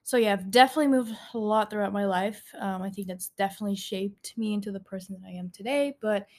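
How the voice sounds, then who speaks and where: A woman in her twenties from Central America hosts a casual podcast. She sounds chatty, half reading from a script and dropping frequent ums and laughs. Her voice sits at an ordinary middle pitch. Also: quick pace, a little mellow. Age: 20s. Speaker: podcast host.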